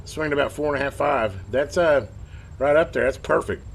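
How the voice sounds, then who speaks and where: A man with a brisk, medium-pitched voice presents a repair video as a hobbyist, demonstrating hands-on in an informal, folksy manner. He thinks aloud while working, and the amateur workbench recording is clearly noisy.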